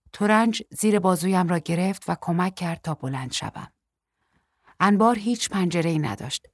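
A woman narrating a first-person novel in a measured, even storytelling manner. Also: fairly low pitch, breathy edge, no room sound, clean studio sound. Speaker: audiobook narrator.

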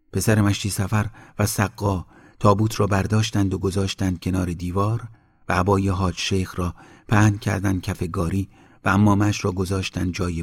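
Husky low-voiced male storyteller. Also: a little mellow. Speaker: narrator. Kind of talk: scripted story narration.

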